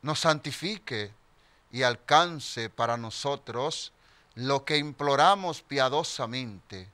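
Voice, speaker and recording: A man's voice: medium pitch, lively intonation, slow, bright, forceful tone, clear, resonant tone. A middle-aged man, a priest, celebrating mass in a small chapel with solemn liturgical delivery, speaking into a stand mic at the altar.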